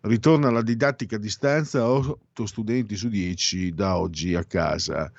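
A man's voice: lowish voice, moderate pace, no echo, highs cut off. Dry-sounding male radio host. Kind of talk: informal radio talk, reading out headlines.

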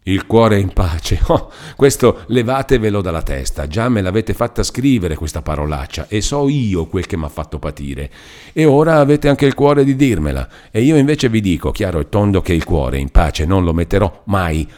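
A hurt young man argues with passion and reproach in this storybook reading, voiced by a man. His voice sits low and dark, and he stays stubborn and insistent. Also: normal speed, lightly acted. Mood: reproachful. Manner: impassioned, reproachful.

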